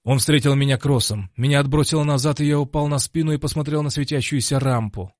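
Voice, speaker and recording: A man narrating an action audiobook in the first person, in an even, matter-of-fact manner. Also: medium pitch, quick pace, no echo, clean studio sound.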